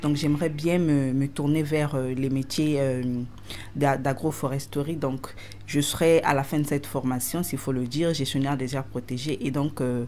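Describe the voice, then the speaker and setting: A man's voice: mid-range voice, fairly even intonation, moderate pace, a little mellow, a little hiss or hum. A man in his twenties from Congo, a student, methodically introducing himself and his goals. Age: 20s. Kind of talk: interview self-introduction.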